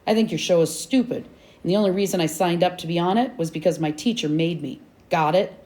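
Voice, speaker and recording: A woman's voice: lowish voice, fast, darkish tone, natural voice. A woman voicing a tough sixth-grade bully in a read-aloud storybook, blunt and dismissive. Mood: scornful.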